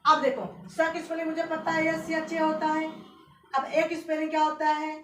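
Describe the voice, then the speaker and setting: High-voiced woman teaching in an echoey room. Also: monotone. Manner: repetitive, keeps checking students understand; spells out letters slowly and emphatically. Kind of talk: classroom lesson. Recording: echoey room from far off, faint hiss.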